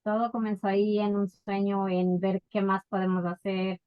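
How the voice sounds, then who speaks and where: A woman from Ecuador telling her life story as an interview guest, unhurried and full of fillers. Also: medium pitch, level tone, smooth, dull audio. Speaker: guest entrepreneur. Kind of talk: casual interview.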